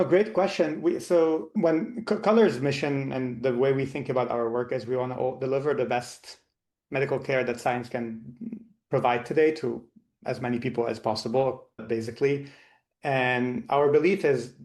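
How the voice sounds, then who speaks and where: A man in his thirties, from Lebanon, talks through his answers as a physician guest. His voice sits at a middle pitch. He restarts sentences and repeats words as he thinks aloud. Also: a little mellow. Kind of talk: interview answers.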